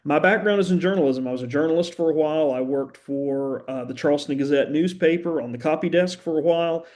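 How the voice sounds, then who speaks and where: A middle-aged university professor from West Virginia gives an introductory lecture in a conversational, earnest way, with frequent "uh" pauses and the occasional stammer. His voice is fairly high and a little mellow.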